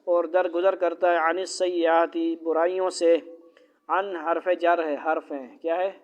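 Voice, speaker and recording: Male Quran teacher in a classroom, slightly high, steady voice, dull recording. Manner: recites Arabic quickly, then explains slowly in Urdu with questions to the class. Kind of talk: Quran translation and grammar lesson to students. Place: classroom with students.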